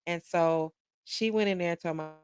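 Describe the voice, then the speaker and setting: A woman from Detroit, a podcast guest, telling a personal story in an animated, conversational way. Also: lowish voice, normal speed, clear, resonant tone, dry recording.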